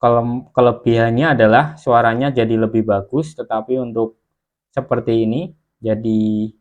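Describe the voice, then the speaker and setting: A man at an ordinary middle pitch narrates a video editing lesson from his screen. He explains at an unhurried pace, one step at a time, while he works. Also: fairly even intonation, darkish tone, muffled recording. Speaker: online course instructor.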